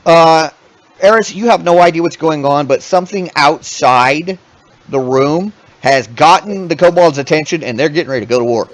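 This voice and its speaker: A man acting as game master, narrating a tabletop game in an animated, rambling way full of restarts. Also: fairly high pitch, moderate pace, rough recording.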